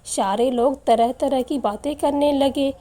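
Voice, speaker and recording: A woman reads a moral family story aloud as scripted narration. Her voice is high but mellow, and she moves through the story slowly and evenly. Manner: plain, measured storytelling.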